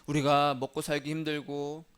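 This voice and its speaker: A man's voice: fairly high pitch, flat delivery, normal speed, clean tone. A male pastor preaching a sermon in a conversational way, asking his congregation questions.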